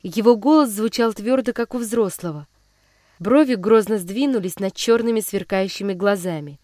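A woman narrating a children's story in a measured, expressive reading voice. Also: mid-range voice, no echo, studio quality.

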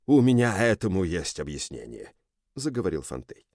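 A man voicing a calm companion who explains things in a measured way. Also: deep voice, no room sound, clean studio sound. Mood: explaining. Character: calm male companion explaining a poison's effect. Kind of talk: audiobook character reading.

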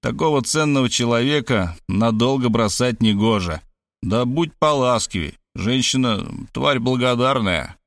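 A man's voice: mid-range voice, animated, no room sound, studio quality. A man voicing a brash, cynical male friend with crude, mocking talk in an audiobook. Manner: mocking, crude, fast-talking. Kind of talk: audiobook character voice.

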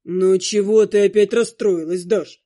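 Woman voicing gruff male ghost monster for an audiobook, low and grumbling, curt. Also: steady tone, a little slow, warm tone, lightly acted. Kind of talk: audiobook character voice.

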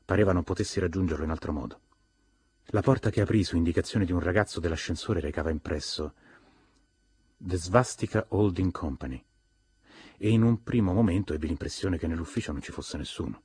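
Deep husky male audiobook narrator. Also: quick pace, darkish tone, dry recording. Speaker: audiobook reader.

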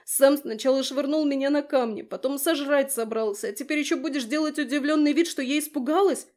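Woman voicing young heroine, audiobook: high, tearful, exasperated, warm tone. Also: brisk, lightly acted. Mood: indignant. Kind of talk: audiobook character reading.

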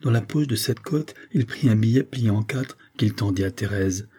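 A man with a lowish, breathy-edged voice narrates a classic novel in a steady, measured audiobook style.

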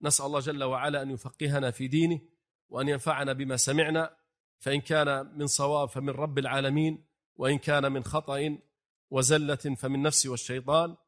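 A sheikh teaching a religious class, speaking slowly and deliberately, often asking his students rhetorical questions. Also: mid-range voice, flat delivery. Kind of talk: religious lesson on the call to prayer.

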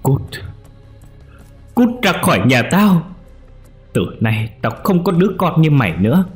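A man voicing an older adoptive mother who scolds in a shrill, stammering rage. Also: animated, a little slow, soft background music. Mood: furious.

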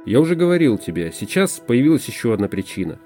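Man voicing a sarcastic irritable journalist, warm low tone, lively delivery. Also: fast talker, faint music behind, lightly acted. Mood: weary. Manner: curt, sarcastic. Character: irritable modern male journalist.

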